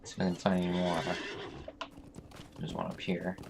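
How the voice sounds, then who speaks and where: A man's voice: sits low, completely flat delivery, moderate pace, creaky, background noise. A man hosting a let's play, casually commentating his game and thinking aloud with frequent fillers.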